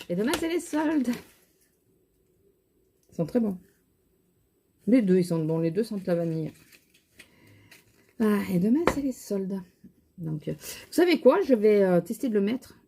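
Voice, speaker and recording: A woman's voice: medium pitch, animated, normal speed, pauses often, noisy background. A woman with a regional French accent, chatting casually to camera about her shopping haul and makeup, rambling with many fillers and sounding tired.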